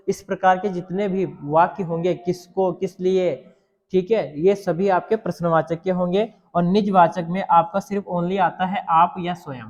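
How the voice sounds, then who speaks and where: High-voiced man teaching grammar. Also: big-room sound, lo-fi sound. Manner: repeats example sentences slowly and asks the class questions. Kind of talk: grammar lesson for exam students.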